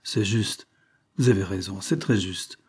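A man reading aloud, voicing a smooth foreign gentleman who plays a naive count, effusive and ingratiating. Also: low voice, a little slow.

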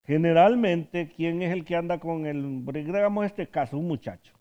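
Una mujer que da un estudio bíblico en tono conversacional. Hace preguntas al grupo y suele rematar sus frases con una pregunta. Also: female voice, fairly low pitch, normal speed, lo-fi sound. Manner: asks the group questions, often adds a tag question at the end; tells stories from her own counseling work. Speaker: Bible study teacher. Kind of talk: conversational Bible study teaching.

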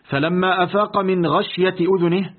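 A man narrating a literary audiobook in a deliberate, expressive reading. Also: high voice. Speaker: audiobook reader. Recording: tinny, lo-fi phone-like audio.

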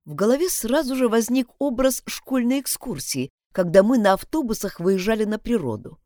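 A woman narrating a first-person story, her pitch moving lively up and down as she tells it. Her voice sits a little high and sounds dry and close. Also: moderate pace, dry recording. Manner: expressive storytelling.

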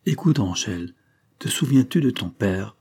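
A man's voice: fairly low pitch, expressive, normal speed, vocal fry, darkish tone, breathy edge, full character voice. A man reading aloud and voicing a frail, asthmatic old grandmother who speaks with earnest effort.

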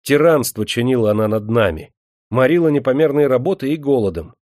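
A man's voice: mid-range voice, expressive, a little fast, a little mellow, dry recording, natural voice. Guy reading as a poor crippled serf girl, mournful, pleading, dry voice. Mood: plaintive. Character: crippled young serf woman, plaintive.

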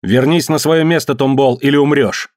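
A man voicing a fierce young man who shouts defiant commands and challenges in a story reading. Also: mid-range voice, a little fast, dry recording, studio quality, lightly acted.

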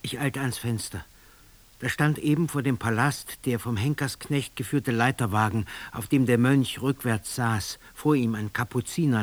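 A man narrating a literary text aloud in an intense, theatrical first-person dramatic reading. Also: medium pitch.

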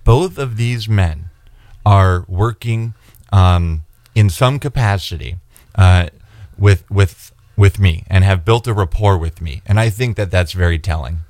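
A man's voice: deep voice, a little mellow, no room sound. A man, a state senate candidate talking earnestly in a radio studio. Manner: earnest, measured, with fillers and restarts. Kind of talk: radio interview, campaign talk.

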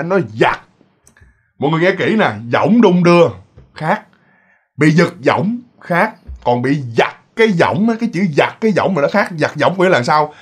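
A man telling a true ghost story in a lively, repetitive way, often speaking straight to his listeners. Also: high-pitched, husky.

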